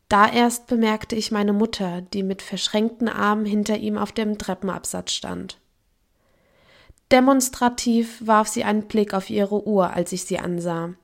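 A young woman narrating a first-person audiobook in a calm, intimate way, dropping to a hush in sad moments. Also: mid-range voice.

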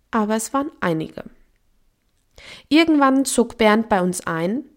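A young woman narrating a first-person audiobook in a calm, intimate way, dropping to a hush in sad moments. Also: mid-range voice.

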